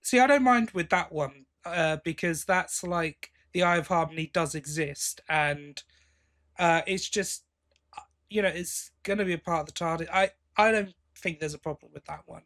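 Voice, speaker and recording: In a relaxed podcast conversation reviewing an audio drama, a male co-host voices his opinions with enthusiasm and many restarts. His voice is a little high and a bit bright, moving at normal speed.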